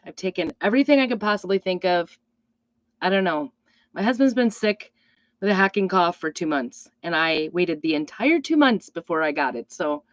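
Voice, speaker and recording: A middle-aged woman with a hoarse, weakened voice from a hacking cough, rambling apologetically as she hosts a casual live craft demo. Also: mid-range voice, no echo, lo-fi sound. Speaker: craft host and crafting product seller.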